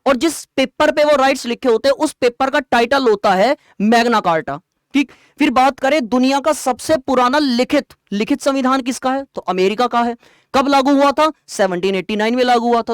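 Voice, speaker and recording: A male teacher giving an online exam-prep lecture, explaining terms plainly and quizzing students with quick rhetorical questions. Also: very high voice, clean tone, no echo, studio quality.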